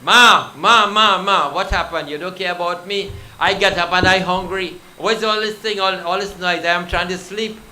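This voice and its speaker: A man voicing a young boy god who complains loudly to his mother that he is hungry and neglected. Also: high voice, fairly even intonation, normal speed, few pauses, pitched above the performer's own voice, low-quality recording. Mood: sulky. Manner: complaining, sulky, loud. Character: whiny hungry little boy god, demanding.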